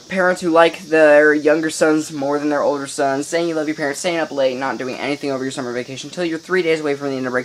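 A teenage boy vlogs casually from his upstairs room at home, rambling to viewers with playful mock outrage in a high-ish male voice. The low-quality recording, made on a microphone in a home room, carries a little hiss or hum, with insects chirping faintly behind him.

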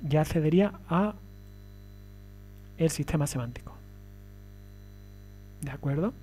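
A man's voice: fairly high pitch, unhurried, mellow, a little hiss or hum. A man giving a recorded lecture, explaining step by step and often checking that listeners follow.

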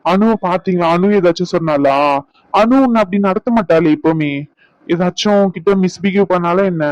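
A firm, concerned cartoon husband, voiced by a man, pressing with question after question in a rather high voice. The recording is dry and sounds dull and lo-fi. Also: moderate pace, darkish tone, no echo, natural voice. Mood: stern. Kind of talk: cartoon voice acting.

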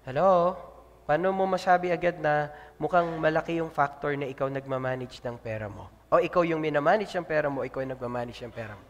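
A man preaching a sermon as pastor, swinging between loud calls and soft asides. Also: fairly high pitch, brisk, long reverb tail, lo-fi sound.

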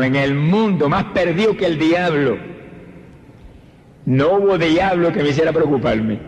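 An older man with a Puerto Rican accent preaching a fervent Pentecostal sermon, exhorting his listeners and moving between slow, emphatic phrases and rapid bursts. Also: on the high side, a little mellow. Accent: Puerto Rican Spanish. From Puerto Rico. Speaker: evangelist preacher. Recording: archival sermon with hall reverb and faint hiss.

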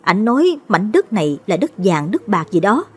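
A woman's voice: medium pitch, very animated, normal speed, husky. A woman voicing a tearful young widowed daughter-in-law in a storybook reading, with a pleading manner.

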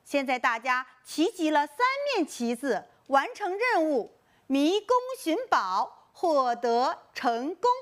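A woman teaching a recorded online lesson for first graders, coaxing and lively, stretching out the task titles. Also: high-pitched, takes it slowly. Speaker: primary school teacher.

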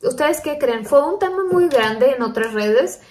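A woman's voice: high-pitched, animated, unhurried, a little mellow. A young woman vlogging casually to her viewers, chatty and thinking aloud with lots of fillers. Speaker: paranormal stories vlogger.

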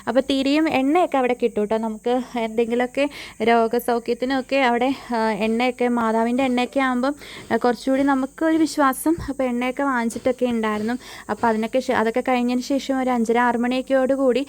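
A woman's voice: a little high, steady tone, fast talker, a little mellow. A pregnant young woman narrating her day in a chatty vlog voice-over, full of fillers and asides. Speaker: vlogger.

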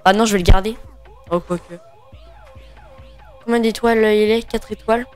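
A man's voice: high voice, fairly even intonation, normal speed, soft background music. A man giving casual gaming commentary while opening packs, hesitant and full of fillers and restarts. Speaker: gaming video creator.

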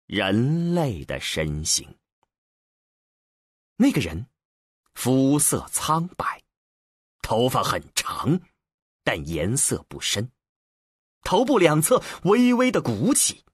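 Slow, expressive male storyteller. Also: on the high side, husky, no room sound, clean studio sound. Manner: expressive, deliberate storyteller's delivery. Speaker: audiobook narrator. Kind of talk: storytelling audiobook narration.

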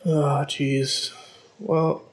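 A young man streaming from a small room at his desk, talking casually and haltingly, thinking aloud with lots of fillers. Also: a little high, level tone. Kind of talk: casual live-stream commentary.

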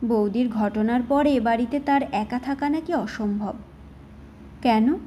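A woman storyteller narrating a short story for an audiobook in a steady, measured reading. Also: a little high, slight background noise.

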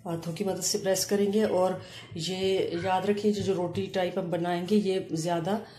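A woman explaining a home cooking recipe step by step, pausing often as she works in a kitchen. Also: on the low side. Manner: calm step-by-step explaining with frequent hesitations. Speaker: cooking channel host. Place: home kitchen counter, indoors. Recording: echoey room with faint ambient noise.

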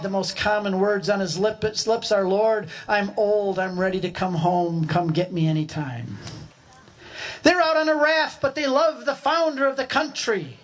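Animated older man telling a story. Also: sits high. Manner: animated, acts out voices. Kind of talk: storytelling talk.

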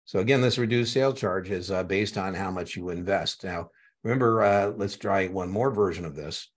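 A man's voice: sits low, moderate pace. A middle-aged man tutoring a student for an exam in a chatty way, repeating key points and telling anecdotes. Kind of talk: one-on-one tutoring session.

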